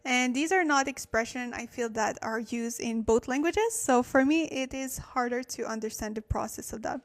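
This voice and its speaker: A French-speaking woman hosts a casual livestream Korean lesson in English, her voice a little high and her pace moderate. She thinks aloud as she teaches, using fillers and correcting herself.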